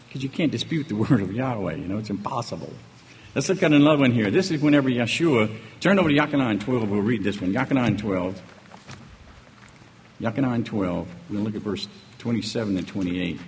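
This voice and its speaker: A man's voice: on the low side, expressive, fairly quick, darkish tone. A man preaching a sermon, emphatic and full of rhetorical questions, often checking in with "okay?" and "right?". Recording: echoey hall with faint ambient noise.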